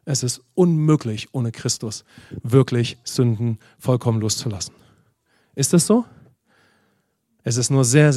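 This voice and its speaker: A man's voice: medium pitch, darkish tone, dry recording, clean studio sound. A man preaching a sermon, asking the congregation questions and repeating amens. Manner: reads scripture slowly with rising emphasis. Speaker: pastor.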